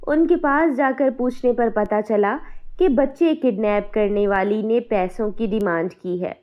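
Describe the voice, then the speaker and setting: A woman narrating a scripted cartoon moral story in an even storytelling voice. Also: on the high side, unhurried. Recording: dull, muffled sound.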